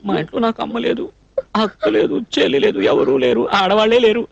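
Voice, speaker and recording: Bashful, fussy young man in a film comedy; high, lively, rapid-fire. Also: creaky, dry recording, highs cut off, heavily acted. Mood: pleading. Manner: flustered, rambling, jumpy. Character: shy naive young man, flustered and fussy. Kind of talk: dubbed film comedy scene.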